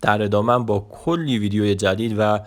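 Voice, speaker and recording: A man with a notably low voice runs a vocabulary lesson. He says each word slowly and carefully, repeats it, then moves on with brisk little asides. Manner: slow deliberate repetition of each word, then quick asides. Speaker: Turkish language teacher. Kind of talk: vocabulary lesson, reading words aloud.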